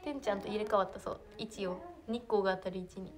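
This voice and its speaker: A woman's voice: mid-range voice, fairly even intonation, fast talker, background noise. A teenage girl with a Kansai accent chatting casually on a phone livestream, giggling and reacting to viewer comments. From Hyogo, Japan. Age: teens. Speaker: idol trainee livestreamer.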